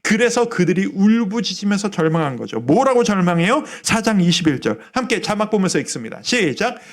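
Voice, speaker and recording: A man's voice: high voice, sing-song, fairly quick. A male pastor preaching a Sunday sermon, acting out the prayers and words he quotes.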